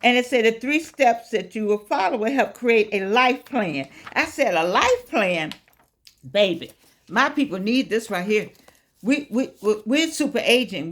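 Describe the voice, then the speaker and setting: A woman, giving a folksy, preachy motivational talk, repeating phrases and calling listeners baby. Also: on the high side. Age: 80s. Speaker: life coach vlogger. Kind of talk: casual motivational talk to camera.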